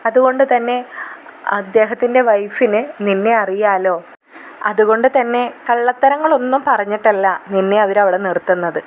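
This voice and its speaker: A woman's voice: mid-range voice, moderate pace, slight background noise, natural voice. A woman voicing a caring elderly father, fond and protective toward his daughter, in a retold serial story. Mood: comforting.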